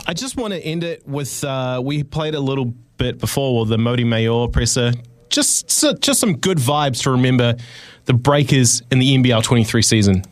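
A man's voice: mid-range voice, animated, normal speed. A man with a New Zealand accent presents casually on live sports radio, as a sports desk voice and quizmaster.

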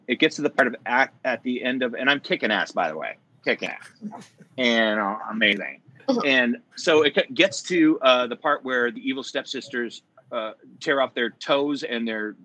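A man's voice: mid-range voice, pushed and bright, poor audio. A man, a Broadway actor, telling a backstage story in a rambling way, full of fillers and self-corrections. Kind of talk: casual chat.

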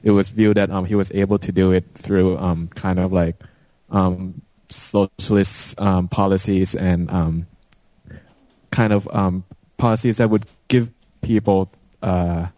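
Man, low voice, dark mellow tone, dry sound, online call audio breaking up, hesitant. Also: fairly even intonation, no echo, poor audio. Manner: hesitant, many pauses and fillers. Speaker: panelist on a video call. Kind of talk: casual chat.

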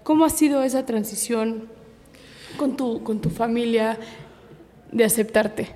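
A woman interviewer asking gentle, probing questions. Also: on the high side, a little slow. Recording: echoey hall reverb.

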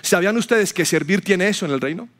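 A pastor preaches a sermon to his church congregation, telling stories and acting out the people he quotes with a rising voice. His voice is high-pitched, expressive and fairly bright, and he talks fast.

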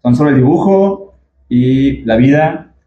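A man's voice: medium pitch, slow, echoey room, narrow, tinny audio, slight background noise. Chatty, slangy male podcast host. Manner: chatty, informal, uses slang fillers. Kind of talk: casual interview. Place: booth at a festival.

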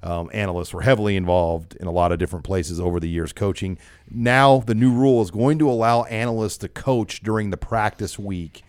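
A man's voice: fairly low pitch, a little fast, darkish tone, no room sound, clean studio sound. A man hosting a sports podcast, chatting casually with laughs along the way. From Nebraska. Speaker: podcast host.

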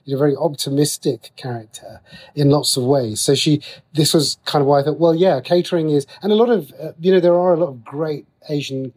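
A middle-aged writer and radio drama creator speaks casually as an interview guest, explaining things in a chatty, rambling way. His voice is a little high with a darkish tone, and he talks a little fast.

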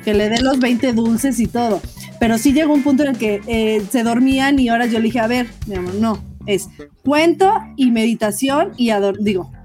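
A woman's voice: fairly high pitch, moderate pace, a little mellow, faint music behind. A woman in her thirties with a Mexican accent, chatting casually on a podcast as a mother, with lots of fillers. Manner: chatty, full of "o sea" and "este" fillers. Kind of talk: casual chat.

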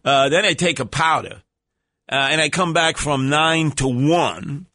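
A man's voice: on the high side, measured pace, sharp tone, no echo. A man with a New York accent hosting talk radio in a rambling comic monologue, theatrical, bombastic and streetwise, with colourful coined words.

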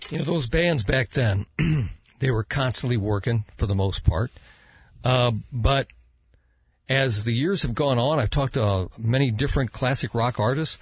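Husky, dry-sounding American podcast host. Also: male voice, medium pitch, unhurried, no room sound. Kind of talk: casual chat. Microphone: close studio microphone.

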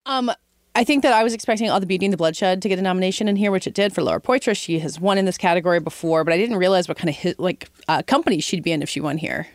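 A woman's voice: lowish voice, very fast, no room sound, studio quality. A woman hosting a podcast in a casual, conversational style. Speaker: podcast host. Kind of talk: casual film-awards chat.

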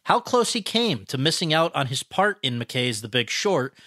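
Male podcast host, bright voice, dry sound, earnest questions. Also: medium pitch, sing-song, moderate pace, dry recording. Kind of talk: scripted intro then interviewing.

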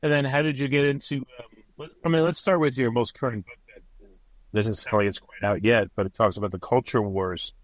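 A man's voice: medium pitch, fairly even intonation, brisk, dry recording, poor audio. A man hosting a podcast, asking interview questions in a plain, conversational way. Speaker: podcast host.

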